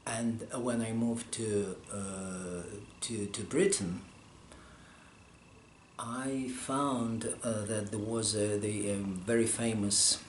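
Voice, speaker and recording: A scholar being interviewed about manuscript studies answers questions slowly and haltingly, often pausing to find his words. His voice is on the low side. The room is echoey, with a faint hum in the background.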